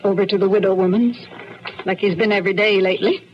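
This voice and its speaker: In an old radio western, a woman with a mid-range, steady, fairly natural voice speaks at a quick pace as a proud, strong-minded frontier farm wife fighting for her husband. She has a rural American accent and sounds resigned and earnest, plain-spoken, folksy and firm. The broadcast is muffled, with faint noise.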